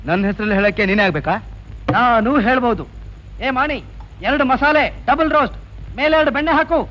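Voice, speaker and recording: A man's voice: very high-pitched, a little hiss or hum. An actor playing a boastful young local tough who lectures his friends and turns menacing, in 1980s film acting. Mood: swaggering. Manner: boastful, lecturing, quick to anger. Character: swaggering young male neighborhood tough, boastful. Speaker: local gang leader. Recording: dull old film soundtrack.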